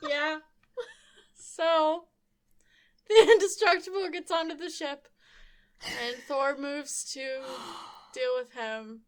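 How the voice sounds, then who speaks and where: Brief: young female podcast host, casual and chatty, slightly high voice, laughing through wry comic recaps. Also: extremely slow, pauses often.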